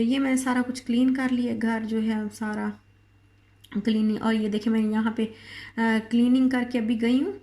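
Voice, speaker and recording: A woman from Pakistan with a Pakistani Urdu accent vlogs from her home kitchen, her voice a little hoarse from a sore throat. She drifts through fillers and half-finished words in an even, unvaried tone. Her timbre is mellow and dark. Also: medium pitch. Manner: rambling, many fillers and restarts. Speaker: vlogger. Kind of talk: casual home vlog.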